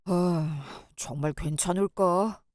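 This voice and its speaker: A woman voicing a laid-off husband who speaks quietly and hesitantly. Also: lowish voice, slow pace, no room sound, clean studio sound. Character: laid-off husband, meek and grateful.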